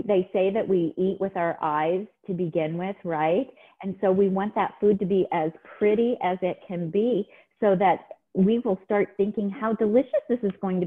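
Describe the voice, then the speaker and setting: A woman's voice: mid-range voice, slightly rough. A middle-aged woman chatting enthusiastically while demonstrating a salad in her home kitchen over a video call. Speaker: cooking demonstrator. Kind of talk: casual cooking demo. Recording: tinny phone-like video call audio.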